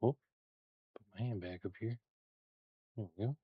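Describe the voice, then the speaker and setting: A man's voice: lowish voice, moderate pace, husky, no room sound, phone-quality sound. A man with a Texan accent chatting casually on a live stream while building Lego, rambling with lots of fillers. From Texas. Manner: relaxed, rambling with many fillers.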